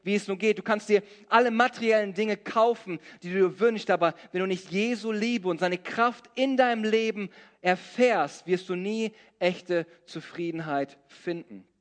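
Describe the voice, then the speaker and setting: High-voiced preacher man in a big hall. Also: moderate pace. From Germany. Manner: preaching with humorous storytelling. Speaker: pastor. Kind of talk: sermon. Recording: long reverb of a large hall.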